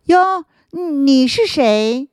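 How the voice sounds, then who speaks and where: A little tree root from a children's storybook, polite and earnest, asking its questions timidly in a high, lifted voice, as a woman storyteller puts it on. The voice bounces up and down with lively pitch. The sound is close and dry. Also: unhurried, no echo.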